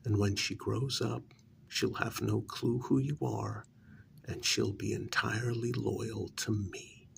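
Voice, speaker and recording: In an ASMR role-play, a man performs a cold, vengeful vampire lord, menacing and cruel, with sadistic menace. He speaks in a lowish, breathy half-whisper with gravelly fry, steady in tone and heavily acted, very slow and deliberate with drawn-out, quietly threatening pauses. Faint noise sits in the background.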